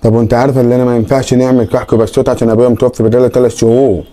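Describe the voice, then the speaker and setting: A man's voice: mid-range voice, flat delivery, very fast, dark tone, close to an everyday voice. A man playing a stubborn Egyptian father. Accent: Egyptian Arabic. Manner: firm, dismissive. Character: stubborn grieving father, tradition-bound.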